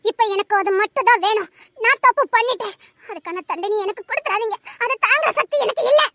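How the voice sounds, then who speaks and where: A woman's voice: very high-pitched, a bit bright, no room sound. A woman voicing a desperate young woman who tearfully and insistently begs her lover to marry her, in an audio drama. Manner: pleading, tearful, insistent repetition.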